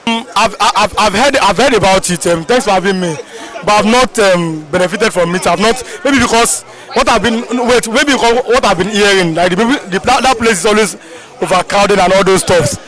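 A man's voice: high-pitched, fairly bright tone, low-quality recording. Hesitant young Nigerian man. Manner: hesitant, repeats words, measured. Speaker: street interviewee. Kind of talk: vox pop street interview. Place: busy city street outdoors. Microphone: handheld mic held by interviewer.

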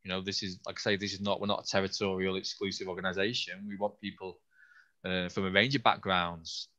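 A scientist hosting an online Q&A, answering questions haltingly with many restarts while losing his voice a little. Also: low-pitched, level tone, pushed and bright, dull audio. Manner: halting, with frequent restarts and fillers. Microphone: video call.

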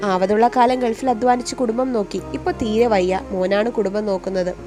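A woman's voice: medium pitch, steady tone, fairly quick, mellow, faint music behind, lightly acted. A woman voicing a humble middle-aged mother who comes to ask for a bride for her son, speaking politely and pleadingly. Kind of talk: storytelling voice acting.

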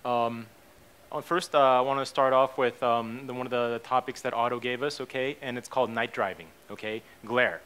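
His voice is medium in pitch and clean, a little bright, with fairly even intonation at a moderate pace. The man, a CEO born in Japan and raised in the US, delivers a relaxed keynote presentation from a hotel hall's conference stage, full of filler words and checks like "okay?" and "right?"

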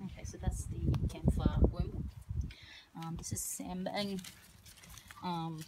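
A woman's voice: on the low side, little pitch movement, measured pace, very noisy. A woman, a herbalist giving a casual tour of her outdoor garden, talking into a handheld phone in a rambling way with frequent ums.

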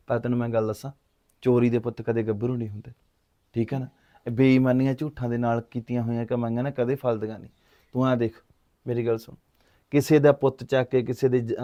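A man playing a calm, persuasive captive. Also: medium pitch, natural voice. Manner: coaxing, reasoning, frequent hums of agreement. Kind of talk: short film drama acting.

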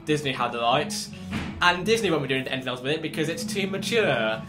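A man's voice: a little high, expressive, fairly quick, over music. A man with a British accent hosting a podcast, chatting casually, laughing often and restarting his sentences. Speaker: podcast host. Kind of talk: casual chat.

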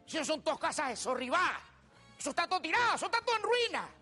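A man's voice: very high voice, big pitch swings, fast, soft background music, full character voice. A man playing a cheeky old rustic countryman with a Canarian accent, telling brash, crude stories on a TV stage. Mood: storytelling. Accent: Canarian Spanish. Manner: brash, shouting punchlines, swearing freely. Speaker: stand-up comedian. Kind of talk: character stand-up monologue. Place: TV studio stage before a live audience.

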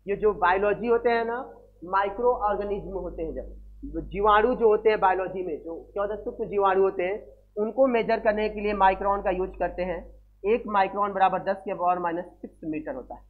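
A man's voice: high-pitched, brisk. A man teaches a physics lesson, mixing English terms into his explanation. He keeps asking his students questions and repeats each value twice. The sound is thin and phone-like, as if recorded on a cheap mic. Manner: addresses students as beta, repeats key values and asks quiz questions. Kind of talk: classroom lecture.

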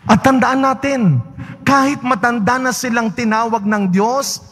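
High-voiced priest giving a homily. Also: male voice, steady tone, measured pace, fairly bright tone. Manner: conversational, asks the congregation questions. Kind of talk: homily at Mass. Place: large church.

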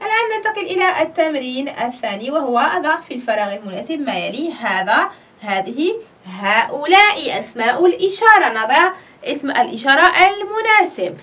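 Woman teacher for a children's grammar lesson, high and animated, with a bright voice. Asks and answers her own questions, recorded from a distance. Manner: slow, drawn-out dictation of example sentences. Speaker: primary school Arabic teacher.

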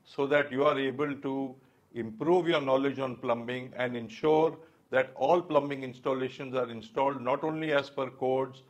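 A man's voice: medium pitch, steady tone, moderate pace, muffled recording. An older man with an Indian English accent, formally introducing a plumbing lesson series in an earnest tone. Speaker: association official introducing the series. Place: studio, indoors.

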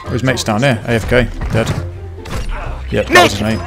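A man's voice: mid-range voice, fairly even intonation, brisk, over music. A man chatting casually as he plays, teasing angry players in a laid-back way. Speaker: gamer, video maker. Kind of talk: casual game chat.

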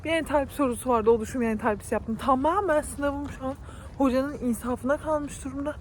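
A woman's voice: high-pitched, a little fast. Exasperated young woman venting, windy outdoors. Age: 20s. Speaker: university student vlogger. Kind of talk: casual vlog chat. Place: outdoors on campus streets, windy. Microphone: phone camera at arm's length.

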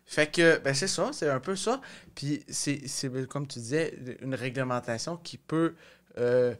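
A young man with a Québécois French accent hosts a casual chat in a small podcast studio, speaking into a close studio mic. His voice is medium in pitch and fairly bright, with a measured pace. He searches for words in a roundabout way, repeating and rephrasing himself.

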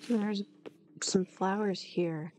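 Nervous, slow-talking woman horror game streamer. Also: medium pitch, steady tone, darkish tone. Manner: nervous, jumpy, thinking aloud in short bursts. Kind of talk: casual horror game commentary. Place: small home room, indoors. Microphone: desk microphone on a boom arm near the face. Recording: clearly noisy room microphone with background noise.

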